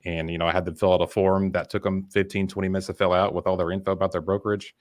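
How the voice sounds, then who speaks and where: Fast-talking low-voiced young man. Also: level tone, no echo. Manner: candid, storytelling, self-deprecating. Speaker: podcast guest, business founder. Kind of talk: casual conversational interview.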